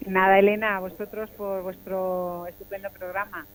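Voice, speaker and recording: A woman calling in over a live phone line from a somewhat noisy place, talking haltingly and restarting as she searches for words. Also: mid-range voice, little pitch movement. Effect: heard over a live phone call. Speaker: caller. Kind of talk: live call-in question on a radio show. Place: somewhere with some background noise.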